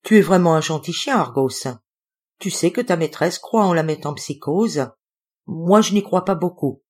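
A woman reading the part of a playful young man who gently teases an older woman about her dog. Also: fairly low pitch, animated, moderate pace, breathy edge. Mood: teasing. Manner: joking, gently teasing. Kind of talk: audiobook character reading.

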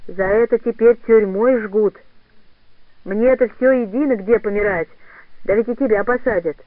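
A man's voice: high-pitched, normal speed, no room sound, close to an everyday voice. A frail old village grandmother scolds and sighs in homely, folksy speech, as a male narrator does her. The sound is thin and phone-like, dry and close to the mic. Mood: gruff scolding. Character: frail old village woman, gruff but kindly.

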